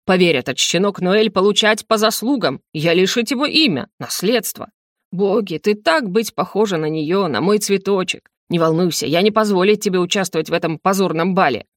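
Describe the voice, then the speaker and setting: A woman's voice: on the low side, lively intonation, normal speed, no room sound, clean studio sound, close to an everyday voice. Woman doing a smug elf lord, mangles his grammar, drawls at you, storybook. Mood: mocking. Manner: mocking, drawls, garbled grammar. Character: arrogant male alv lord, elf, broken speech.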